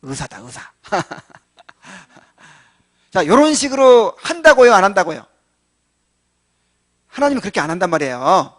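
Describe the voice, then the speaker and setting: A male pastor in a slightly higher register gives a catechism sermon in a conversational manner. He keeps asking rhetorical questions, fills pauses with small sounds, and swings from loud emphasis to quiet asides. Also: big pitch swings. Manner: many fillers and restarts, swings from loud to quiet.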